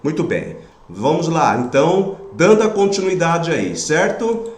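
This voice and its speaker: A man teaching a grammar lesson in Brazilian Portuguese, patient, pausing often to check that students follow. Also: a little high, big pitch swings, a little mellow, reverberant.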